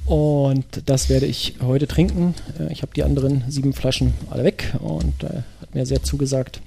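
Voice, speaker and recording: A man co-hosting a casual podcast, chuckling often and filling pauses with "äh". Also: medium pitch, fairly even intonation, gravelly, dark tone, a little hiss or hum. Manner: chuckling, filler-heavy talk. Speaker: podcast co-host.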